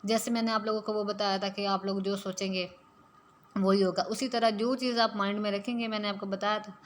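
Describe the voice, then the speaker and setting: A woman gives a spoken-English lesson at a middling pitch. She explains patiently, step by step, and drops English phrases into her sentences. A faint hiss sits under the recording. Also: level tone, fairly quick. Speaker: English teacher.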